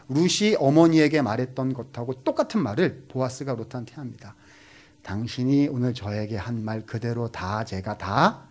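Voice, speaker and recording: A middle-aged man preaching with a pitch that swings widely, rising and falling as he tells the story. He jumps into the voices of the Bible figures and keeps turning to the congregation with questions. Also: a little mellow. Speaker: professor preaching as guest. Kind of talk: lively sermon.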